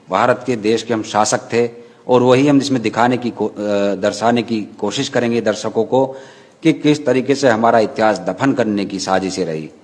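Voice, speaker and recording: A man, a filmmaker, talks casually on camera about his animated film, explaining it while giving quick instructions to a helper. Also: mid-range voice.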